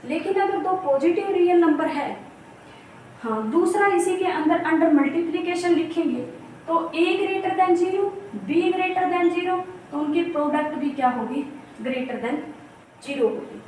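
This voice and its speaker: Woman math teacher, high voice, talks slow, goes over each step twice, echoey room, sounds a bit far from the mic. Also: a little mellow. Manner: explains step by step, repeats key terms and asks rhetorical questions. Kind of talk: exam-prep lecture on real analysis. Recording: echoey room, mic at a distance, faint background noise.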